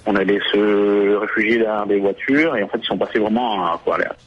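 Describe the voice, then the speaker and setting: Man, eyewitness account, lowish voice, halting delivery, repeated words, dull lo-fi phone interview. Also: steady tone, slightly rough. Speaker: eyewitness parent interviewed on radio. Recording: dull lo-fi radio phone call, faint noise.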